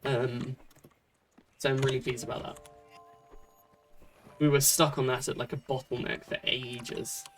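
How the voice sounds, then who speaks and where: A streamer from Britain giving casual commentary while playing a game, chatty and thinking out loud with many fillers and restarts. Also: medium pitch, flat delivery, unhurried, long pauses, faint music behind.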